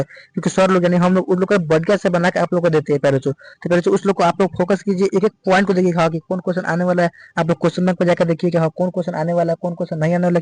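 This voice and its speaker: A man's voice: high-pitched, darkish tone, rough recording. A male teacher giving an exam-prep lecture, urging students and calling them dear children in nearly every sentence.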